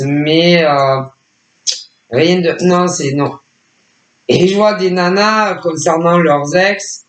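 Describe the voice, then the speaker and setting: A man's voice: a little high, roomy sound, rough recording. A man giving a casual spoken tarot reading as a psychic, hesitant and repetitive, full of filler words. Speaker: psychic reader.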